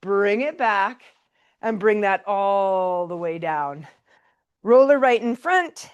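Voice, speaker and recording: A woman's voice: mid-range voice, lively intonation, takes it slowly, clean tone, dull audio. Woman cueing a pilates class. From Canada. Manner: encouraging cueing with counts and breath calls; chatty, laughs between cues. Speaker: pilates instructor. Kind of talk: live exercise class instruction.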